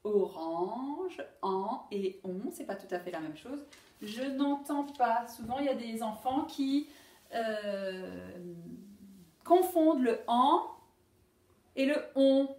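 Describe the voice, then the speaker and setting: Slow, sing-song woman teaching phonics. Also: far from the mic. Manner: slow, drawn-out word modelling with animated pitch; self-correcting, apologetic asides. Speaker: primary school teacher. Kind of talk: remote phonics lesson for young children. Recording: echoey room, voice off-mic.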